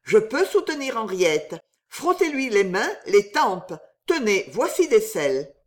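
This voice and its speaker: A woman's voice: fairly high pitch, big pitch swings, measured pace. Lady reading as a young woman barking orders in an emergency, urgent, voice jumping up and down, storybook read-aloud. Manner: urgent, commanding. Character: young woman, calm and quick in a crisis.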